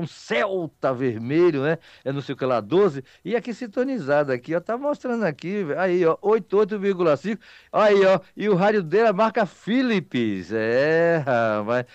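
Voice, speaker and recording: With a Bahian Brazilian Portuguese accent, a man hosts a local radio show, chatting casually with listeners in a folksy, rambling, teasing way. His voice is on the high side with a darkish tone, and the muffled recording has no echo.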